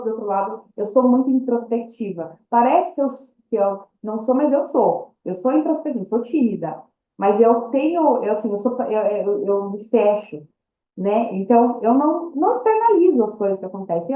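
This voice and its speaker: A woman telling her own story as a personal testimony, acting out the dialogue she recounts. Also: a little high. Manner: storytelling that acts out quoted dialogue. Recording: echoey room, dull lo-fi sound.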